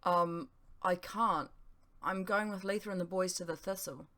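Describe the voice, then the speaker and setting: A cornered young man who hedges and stumbles over his answers, as a woman reads him in her own low voice. The delivery is halting and unsure, in the manner of an audiobook. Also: steady tone, sharp tone. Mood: hesitant.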